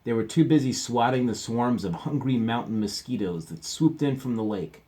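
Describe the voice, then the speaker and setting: A man teacher reading a picture book aloud to children, stopping for gentle chatty asides. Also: mid-range voice, lively intonation, moderate pace.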